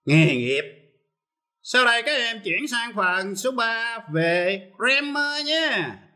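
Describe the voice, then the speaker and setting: Male teacher, slow and bright, lively pitch, TV lesson. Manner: explains step by step, switching between Vietnamese and English. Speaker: English teacher. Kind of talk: televised lesson.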